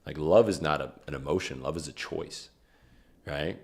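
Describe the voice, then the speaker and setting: A man's voice: a bass voice, moderate pace. A young man hosting a streamed show, talking in loose, rambling slang and often stopping to correct himself. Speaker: podcast host. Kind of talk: casual chat.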